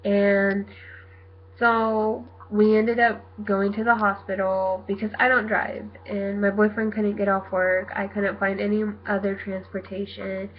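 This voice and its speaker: A woman in her twenties telling her viewers a personal story in a casual, animated way, acting out what people said. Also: medium pitch, unhurried, muffled recording, slight background noise. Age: 20s. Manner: chatty, animated retelling with quoted dialogue. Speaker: vlogger.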